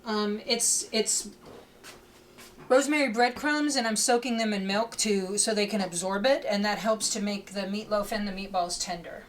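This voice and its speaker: A woman's voice: mid-range voice, normal speed, low-quality recording. A middle-aged woman hosting a casual home cooking demonstration, explaining each step in a chatty way with many fillers. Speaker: home cook host. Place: home kitchen.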